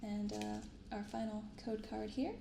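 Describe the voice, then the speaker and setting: Her mid-range voice barely moves in pitch as this woman gently hosts a card-opening ASMR video, speaking softly and unhurriedly in a casual style. The binaural audio has a roomy echo and background noise you can clearly hear.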